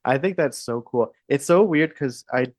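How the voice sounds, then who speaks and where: A woman in her thirties from Texas co-hosting a podcast, chatting in a relaxed, hesitant way with laughs. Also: a bass voice, moderate pace, dry recording. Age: 30s. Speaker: podcast co-host. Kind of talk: casual chat.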